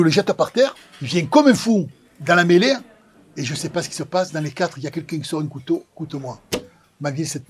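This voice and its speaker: A man with a Marseille accent from the south of France, telling a personal story in a dramatic, animated way and repeating phrases for effect. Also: a little high, slight background noise. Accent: Marseille, southern French. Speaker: pizza maker telling his life story.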